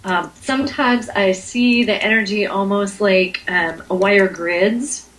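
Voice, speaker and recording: A woman's voice: medium pitch, unhurried, fairly bright tone, poor audio. A woman being interviewed as a Reiki healer, talking in a hesitant way with many ums and restarts. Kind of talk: conversational interview.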